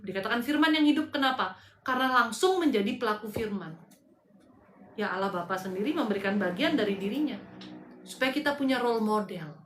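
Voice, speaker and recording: A woman with a high, bright voice hosts a live spiritual advice session and preaches to her listeners. She speaks to them directly and keeps her speech casual and slangy. The room is echoey. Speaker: host and spiritual counselor.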